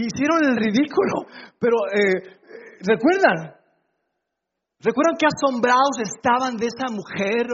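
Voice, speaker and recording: Male pastor, high voice, conversational sermon with jokes, slightly muffled church recording. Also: slight background noise. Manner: conversational, asks the congregation questions, playful humor. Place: church before a congregation.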